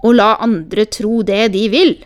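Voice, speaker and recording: A woman's voice: mid-range voice, lively intonation, a little mellow, natural voice. A woman voicing an elderly, stubborn grandmother who speaks firmly and patiently in a storybook reading. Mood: cross. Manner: firm, patient, scolding.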